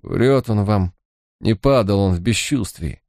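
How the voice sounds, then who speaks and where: Man reading a flat blunt female thief, deep voice slightly raised, dry sound. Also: a little slow, no room sound. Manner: flat, blunt and matter-of-fact.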